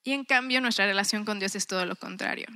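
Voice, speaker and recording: A woman's voice: medium pitch, fast talker, bright, forceful tone. A woman in her thirties giving a chatty, earnest devotional talk to a women's group, often acting out her own thoughts. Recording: long reverb.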